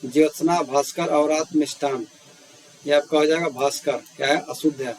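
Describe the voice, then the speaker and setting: A man with a voice on the high side and fairly even intonation walks through a spelling quiz at normal speed, reading each word and its answer options one by one and repeating the word as he goes. He's teaching grammar, and the poor audio carries a faint hiss.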